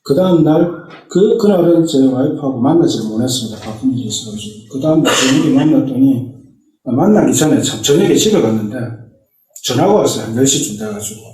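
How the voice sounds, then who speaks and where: A man's voice: medium pitch, animated, quick pace, darkish tone. A middle-aged man, a church deacon, giving a personal testimony as a story and acting out his family's dialogue. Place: church sanctuary. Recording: echoey church hall, mic far off.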